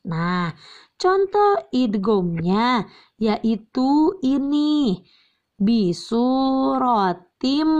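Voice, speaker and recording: Slow, patient woman teacher. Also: fairly high pitch, a little mellow. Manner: drawn-out recited examples, repeats key terms, asks and answers herself. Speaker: Quran recitation teacher. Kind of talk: slow patient tajwid lesson. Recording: slightly dull lo-fi recording.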